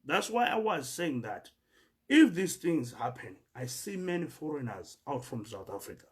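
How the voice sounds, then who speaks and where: A man's voice: fairly high pitch, very animated, moderate pace. A man from Zimbabwe with a Zimbabwean accent, giving an earnest monologue that cites scripture and stumbling as he repeats words while searching for the next. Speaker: speaker addressing fellow migrants.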